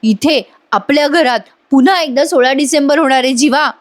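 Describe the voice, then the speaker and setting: A woman's voice: sits high, moderate pace, lightly acted. A woman doing a desperate young wife. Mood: pleading. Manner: pleading, urgent.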